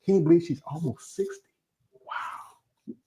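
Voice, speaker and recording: A man's voice: fairly high pitch, huge pitch swings, a little slow, dark tone. A man in his fifties talks casually as host of a live stream. He rambles, circles back, and leaps from one tangent to another in an easy, conversational flow. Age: 50s. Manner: rambling, jumps between tangents.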